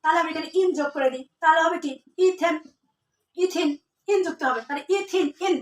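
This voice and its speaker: A woman's voice: very high voice, fast. A woman teaching a chemistry lesson to students, asking questions and then answering them herself, repeating the key terms. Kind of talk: classroom lesson. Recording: echoey room, mic at a distance.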